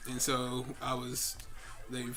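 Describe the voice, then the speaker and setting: A man's voice: medium pitch, monotone, slow pace, pushed and bright. A man co-hosting a casual video game session, chatting and laughing often as he plays. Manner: giggly, laughs often while joking. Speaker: co-host playing a video game. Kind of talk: casual gaming chat.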